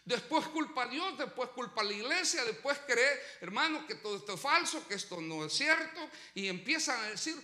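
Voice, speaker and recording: A pastor preaching a sermon, swinging between loud urgent lines and low quiet ones as he calls his listeners brother. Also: expressive, moderate pace, hardly any pauses. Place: church sanctuary. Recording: echoey church room.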